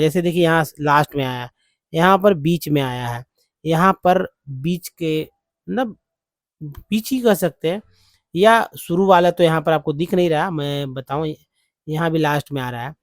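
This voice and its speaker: A man teaching English pronunciation on a whiteboard, explaining slowly and repeating words for practice. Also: a little high, no echo.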